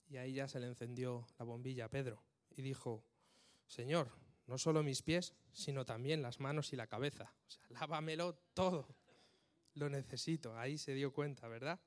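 A man preaching a casual sermon, reading scripture and often checking in with his listeners. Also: medium pitch.

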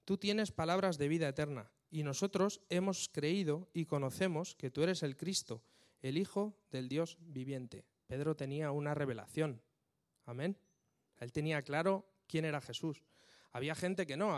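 A man's voice: fairly high pitch, moderate pace. A man preaching a casual sermon, reading scripture and often checking in with his listeners.

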